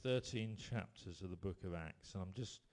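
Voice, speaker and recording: A man preaching a sermon, telling stories with emphatic rises and quiet drops. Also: low-pitched, moderate pace. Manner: storytelling, rising to emphatic bursts then dropping quiet.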